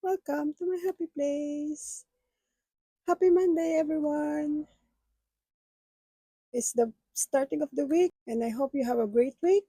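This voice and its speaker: Speaking haltingly and hesitantly, a Filipino-first-language budgeting vlogger chats casually with her viewers. Her voice is high and mellow, and the recording is dry.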